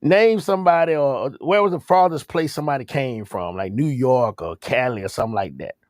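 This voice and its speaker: A man's voice: mid-range voice, a little fast, darkish tone, dry recording, clean studio sound. A man interviewing a guest in casual chat, informal, dropping in short affirmations. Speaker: interviewer, show host.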